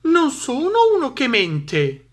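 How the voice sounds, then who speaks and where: A man voicing a small, clever, boastful male mouse in a storybook reading, in a high squeaky voice. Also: wildly swooping pitch, full character voice. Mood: bragging. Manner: high squeaky, quick-witted, bragging.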